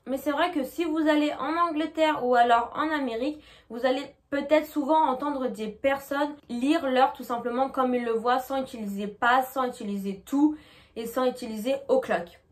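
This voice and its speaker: A woman teaching a lesson, patient and clear, slowly modeling English pronunciation. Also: high voice. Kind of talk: explanatory lesson.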